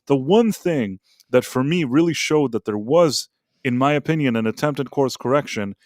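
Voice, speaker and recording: A man's voice: medium pitch, animated, normal speed, darkish tone, no room sound, clean studio sound. A man co-hosting a pop culture talk stream, giving blunt, rambling opinions with many restarts and fillers. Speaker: podcast co-host. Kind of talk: casual opinionated chat.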